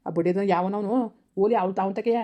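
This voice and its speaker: A woman voicing an angry village father who shouts and curses at his daughter in a harsh, bitter way. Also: mid-range voice, fairly even intonation, fairly quick, lightly acted. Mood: raging. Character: furious village father, harsh and cursing, man. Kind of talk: village family drama acting. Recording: dull lo-fi recording.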